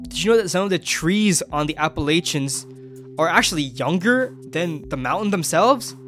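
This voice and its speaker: Young guy talkin up mountain history on a hike, kinda high voice, faint music under it. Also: animated, moderate pace. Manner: enthusiastic explainer. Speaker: travel vlogger. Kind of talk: educational hiking vlog. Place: on a mountain trail outdoors.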